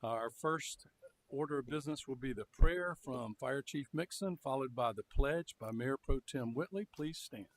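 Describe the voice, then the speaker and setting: A man's voice: mid-range voice, moderate pace, a little hiss or hum, rough recording. A man chairing a town council meeting, speaking in formal procedural phrases.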